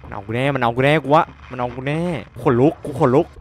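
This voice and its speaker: A young man, commenting on a horror game he plays, excitable and swearing, yelping when startled. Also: medium pitch, fast, creaky, husky. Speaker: gaming streamer.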